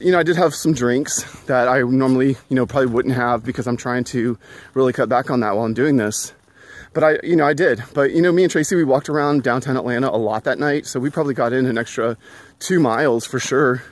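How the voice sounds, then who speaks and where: A middle-aged man in a casual walking vlog, chatty and earnest, a little out of breath, filling his talk with "you know". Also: mid-range voice. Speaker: vlogger. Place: outdoors at a school.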